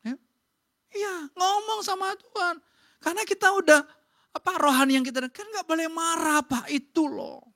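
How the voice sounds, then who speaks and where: A woman pastor, preaching in a lively, colloquial way and acting out quotes. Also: very high-pitched, moderate pace. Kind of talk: sermon. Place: church.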